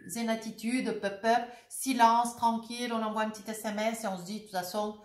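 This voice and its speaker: A woman's voice: a little high, fairly even intonation, normal speed, darkish tone, reverberant. A woman with a head cold giving a casual, jovial tarot reading to her viewers, chatty and full of little filler tags. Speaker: tarot reader.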